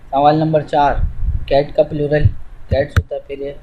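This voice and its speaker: A man's voice: fairly high pitch, completely flat delivery, normal speed, phone-quality sound, slight background noise. A man teaching English, explaining step by step in an informal way to a student while demonstrating on screen.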